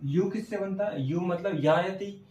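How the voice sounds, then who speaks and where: A male teacher giving a classroom lesson on phonetic transcription, slowly sounding out words and often checking whether students follow. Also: sits high, a little mellow. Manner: slow, repeats sounds and checks understanding often. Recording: echoey room from far off.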